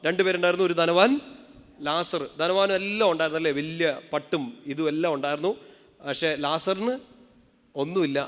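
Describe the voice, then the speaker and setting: Male priest, rousing sermon, slightly high voice, long hall reverb. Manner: rousing, calls the crowd to say hallelujah; playful, quizzes the audience. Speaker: priest preacher. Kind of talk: sermon at a convention.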